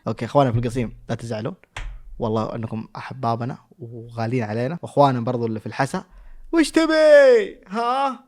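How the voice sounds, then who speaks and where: A man with a Hejazi Saudi accent, a content creator answering follower questions in playful, teasing chat. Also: medium pitch. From Saudi Arabia, Jazan. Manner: playful, teasing, jumps between loud bursts and mutters. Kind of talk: casual chat.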